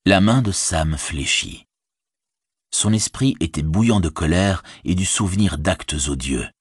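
A man narrating a fantasy audiobook in a measured, expressive reading voice. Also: low-pitched, husky, no room sound, clean studio sound.

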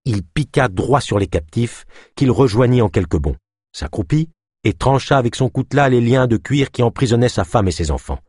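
A man's voice: medium pitch, expressive, moderate pace, a little mellow, husky, no echo, studio quality. A man narrating an adventure story as an audiobook, reading expressively.

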